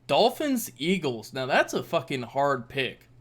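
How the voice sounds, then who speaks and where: A man's voice: mid-range voice, big pitch swings, a little slow, fairly bright tone. An American man co-hosting a podcast, chatting about sports in a laid-back, colloquial way with casual swearing.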